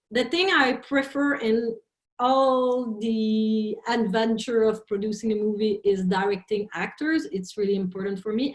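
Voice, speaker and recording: French-native woman director talking english, slightly high voice, lots of restarts, echoey room. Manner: halting, searching for words, frequent restarts. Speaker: film director, interview guest. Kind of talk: interview talk in a second language. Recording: roomy echo.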